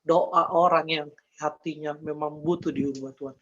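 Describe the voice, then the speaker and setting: Man, high voice, earnest faith testimony, dull lo-fi sound. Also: fairly even intonation, normal speed, fairly bright tone. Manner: earnest, repeats phrases, addresses listeners as brother and sis. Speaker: guest giving a testimony.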